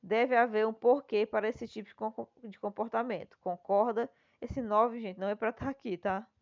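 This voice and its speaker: A woman's voice: on the high side, fairly even intonation, normal speed. A Brazilian woman schoolteacher with a Brazilian Portuguese accent, patiently walking her class through the answers to an exercise and checking in with them as she goes. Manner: patient, explanatory, often checks with "né?". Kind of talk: recorded class lesson, explaining answers. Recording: dull lo-fi recording.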